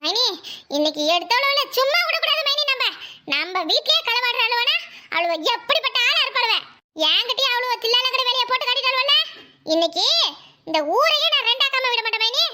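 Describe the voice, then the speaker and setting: A woman's voice: extremely high pitch, lively intonation, a little fast, pushed and bright, slight background noise, exaggerated voice. A woman voicing a sly, greedy young village woman in a cartoon, mocking and theatrical, with a Kanyakumari Tamil accent. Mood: mock wailing. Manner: mocking, theatrical wailing, gossipy. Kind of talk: cartoon voice acting.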